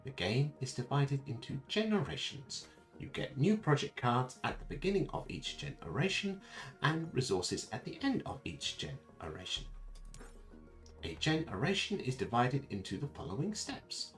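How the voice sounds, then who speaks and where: A man voicing a creepy male computer narrator, reading out a game tutorial in a measured, announcing tone. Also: mid-range voice, huge pitch swings, a bit bright, faint music behind, pitched above the performer's own voice. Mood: flat, eerie.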